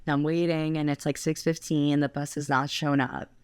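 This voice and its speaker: A woman's voice: low-pitched, little pitch movement, moderate pace, smooth, dry recording. A young woman co-hosting a podcast, telling a travel story in a chatty way full of fillers. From United States. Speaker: podcast co-host.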